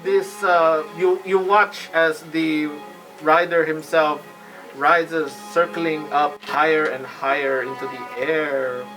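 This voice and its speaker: A man narrating a live tabletop game as game master, halting and suspenseful. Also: on the high side, little pitch movement, music in the background, low-quality recording.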